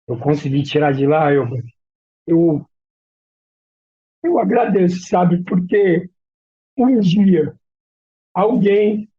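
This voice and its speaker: A man's voice: high-pitched, breathy edge, muffled recording. A man speaking as a missionary guest in an interview, giving an earnest, testimony-like account. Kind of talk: interview talk.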